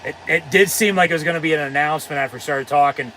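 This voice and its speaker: A man's voice: a little high, racing, bright, forceful tone, slight background noise. An American man hosting a live watch-along, commenting casually and sarcastically, with some swearing. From United States.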